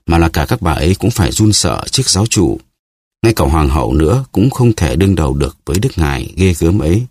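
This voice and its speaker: A man's voice: low-pitched, darkish tone, dry recording. A man reading a scheming deceitful noblewoman. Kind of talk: audiobook character reading.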